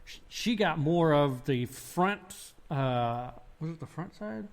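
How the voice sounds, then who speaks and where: A man with a slightly high voice speaks at a slow pace, recounting his work as a paranormal investigator during a casual podcast interview. He rambles, restarts, and retells events with animation.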